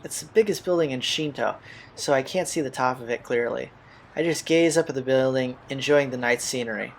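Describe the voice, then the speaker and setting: A man with a creaky, medium-pitched voice reads visual novel text at a fairly quick clip as a playthrough host, keeping things informal and full of slang with casual side comments. A slight hiss or hum is present, and the game's soundtrack sits behind his voice.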